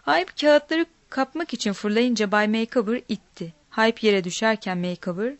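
A woman narrating a storybook aloud in a measured, plain reading. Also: a little high, no room sound.

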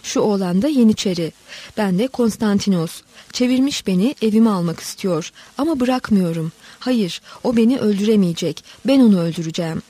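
A woman voicing a frail, embittered middle-aged male schoolteacher who shouts in weak, shrill fury. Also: lively intonation, a little fast, breathy edge, no room sound. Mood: brooding.

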